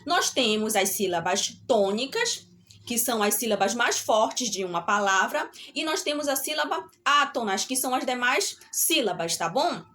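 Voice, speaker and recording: Brazilian woman, middle-aged, primary teacher on a remote lesson, high bright voice, slow and patient. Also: expressive, slight background noise. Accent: Brazilian Portuguese. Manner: slow, drawn-out syllables with a repeated "tá bom?" check.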